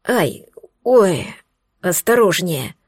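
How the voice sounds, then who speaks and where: A woman voicing a weak, hoarse wounded young man who speaks slowly and with strain. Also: medium pitch, darkish tone, no room sound, studio quality, lightly acted. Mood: pained.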